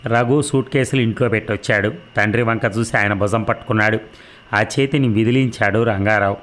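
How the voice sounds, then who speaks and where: A man narrating a novel in a steady, measured storybook reading. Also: on the low side.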